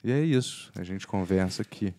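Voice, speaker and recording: Low-voiced joking podcast host. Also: male voice, expressive, moderate pace. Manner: joking, theatrical, acts out quotes loudly. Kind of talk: casual podcast banter.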